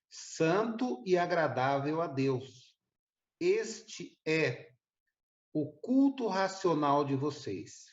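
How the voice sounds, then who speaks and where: A man reads scripture very slowly, in a measured and solemn manner, with a fairly high pitch. The recording is roomy and echoey. It also sounds dull and lo-fi. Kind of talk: slow scripture reading.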